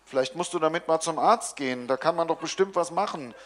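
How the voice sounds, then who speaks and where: A man's voice: fairly high pitch, fairly quick, lightly acted. A man voicing a middle-aged wife in a comic novel reading, lightly shifting his own voice. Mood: concerned. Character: exasperated middle-aged wife, bossy and earthy.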